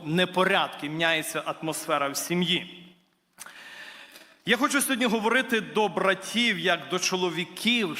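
Man preaching, high bright voice, earnest then emphatic, long church reverb. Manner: earnest, rising to emphatic declarations; addresses listeners as brothers and sisters. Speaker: guest preacher. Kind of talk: sermon. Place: church hall.

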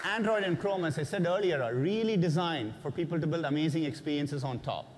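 A man in his forties speaks in a measured, earnest keynote voice, pitched a little high for a man. He talks from a large conference stage over a headset mic. A long reverb from the hall trails his words. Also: some chatter behind, a little hiss or hum. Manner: measured, earnest, with occasional "uh" fillers. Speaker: keynote presenter. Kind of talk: keynote speech.

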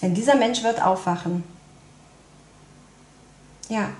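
A woman's voice: on the high side, takes it slowly, a little mellow. Chatty woman reading tarot, echoey room. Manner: chatty, tag questions, frequent fillers. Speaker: tarot reader. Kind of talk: casual tarot card reading to camera.

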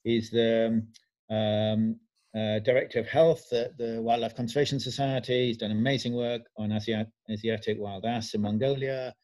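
A man's voice: on the low side, darkish tone. A man chairs a seminar panel over a video call. He thanks one speaker and introduces the next, hesitating often with fillers. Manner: halting, many fillers.

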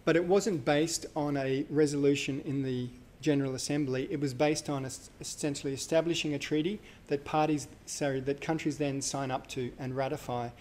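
A man's voice: on the high side, fairly even intonation, moderate pace, hardly any pauses, a little mellow, slight background noise. A man giving a live university lecture, talking casually with fillers and self-corrections. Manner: conversational, thinks aloud with fillers and self-corrections.

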